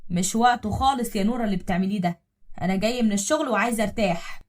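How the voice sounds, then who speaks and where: A woman's voice: medium pitch, quick pace, close to an everyday voice. A woman with an Egyptian accent voicing a tired, regretful husband who speaks in a broken, resigned way.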